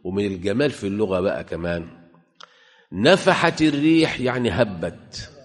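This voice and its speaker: A man's voice: fairly low pitch, lively intonation, normal speed. A man preaching a sermon with an Egyptian Arabic accent, emphatic, putting rhetorical questions to his listeners. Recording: long hall reverb.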